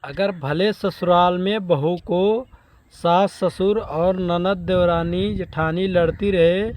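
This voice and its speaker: A man's voice: high-pitched, steady tone, slow, a little mellow. A man playing an earnest torn husband. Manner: earnest, reproachful then pleading. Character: young husband caught between mother and wife. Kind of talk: comedy skit acting.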